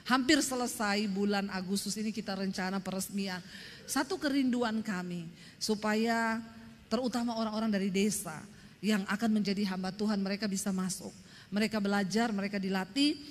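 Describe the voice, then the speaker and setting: Woman preacher, emphatic sermon, mid pitch, reverberant church hall. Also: slight background noise. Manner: emphatic, lively storytelling with acted quotes.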